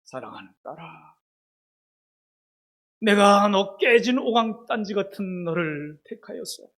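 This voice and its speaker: A man voicing God who speaks slowly and solemnly to a weeping woman, in a sermon story. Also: high voice, expressive, fairly bright tone, exaggerated voice. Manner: solemn, slow, proclaiming.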